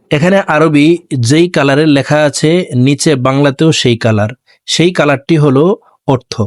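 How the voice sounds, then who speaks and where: A man teaching Quran pronunciation, breaking words into syllables and chanting them slowly for viewers to repeat. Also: a little high, no room sound, studio quality. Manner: slow drawn-out chanting of words for repetition; instructive, addresses viewers directly. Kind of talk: recitation lesson.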